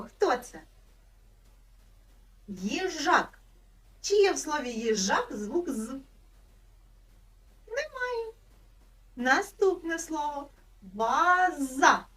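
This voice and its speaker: A woman teacher speaks to small children in a high, very lively voice, stretching each word out slowly and clearly. She praises them gently and keeps encouraging them. Her voice comes from a little distance from the microphone. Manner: slow, drawn-out word sounding for small children. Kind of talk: online lesson for young children.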